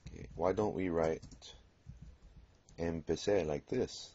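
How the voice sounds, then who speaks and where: A man teaching a Spanish grammar lesson, explaining patiently and pausing on fillers as he works through examples. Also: sits low, dark tone, slight background noise. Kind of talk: classroom grammar lecture. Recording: dull lo-fi classroom recording.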